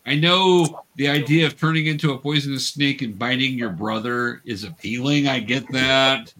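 A man teaching children tabletop roleplaying speaks as a patient game master on an online call, casually explaining and narrating the game. His medium-pitched voice moves at normal speed, pushed and bright, and the rough recording has a little hiss or hum.

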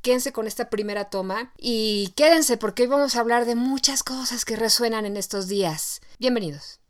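A woman's voice: fairly high pitch, moderate pace. Chatty Mexican woman hosting a podcast. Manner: chatty and conversational, shifting between loud and soft. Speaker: podcast host. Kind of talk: casual podcast monologue. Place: at home late at night.

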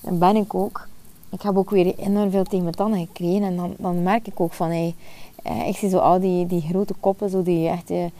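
A woman's voice: fairly low pitch, little pitch movement, a little fast, mellow. A woman, hosting a spiritual podcast monologue outdoors in the sun, earnest and repeating her phrases. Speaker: podcast host.

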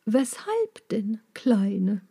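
Woman doing a female dragonfly, storybook villain, soft and slow, condescending, half whispered. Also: on the high side, full character voice. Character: huge female dragonfly, cold and condescending predator.

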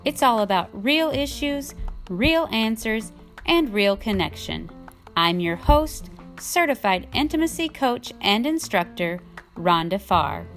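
Faint music plays behind this middle-aged woman, whose soothing voice sits on the high side with a fairly bright tone. Very animated yet measured in pace, she hosts her own intimacy-coaching podcast solo, partly from a script, chatting warmly and laughing lightly.

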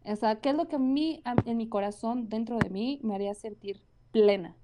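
A woman's voice: on the high side, normal speed, noisy background. A woman with a Mexican Spanish accent talking casually and earnestly about her own experience, with lots of fillers. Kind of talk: casual conversation.

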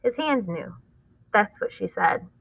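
A woman's voice: medium pitch, lively intonation, unhurried, vocal fry, slightly rough, low-quality recording. A woman teacher reading a novel aloud to her class and stopping to explain it in plain, casual words.

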